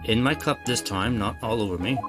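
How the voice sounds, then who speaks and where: A man plays a crusty, upper-class older gentleman from a video game. He blusters and splutters pompously, forgetful and easily irritated. Music plays clearly behind him. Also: mid-range voice, a little fast, close to an everyday voice. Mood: pompous, vague. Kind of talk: video game character read-aloud.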